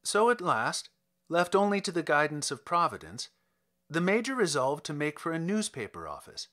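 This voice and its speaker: Bright, expressive male storyteller. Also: fairly high pitch, normal speed. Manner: expressive, theatrical reading. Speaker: audiobook reader. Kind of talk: scripted narration of a classic story.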